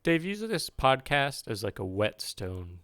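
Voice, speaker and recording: A young man co-hosting a casual podcast, tossing out deadpan, ironic quips. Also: mid-range voice, unhurried, no echo, studio quality. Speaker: podcast co-host. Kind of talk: casual chat.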